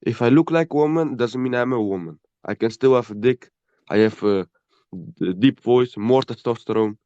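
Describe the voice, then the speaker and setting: This is a blunt, dismissive man stumbling and repeating words as a stranger in a heated online debate. His mid-range voice is mellow, and the muffled audio is dry, with no room sound.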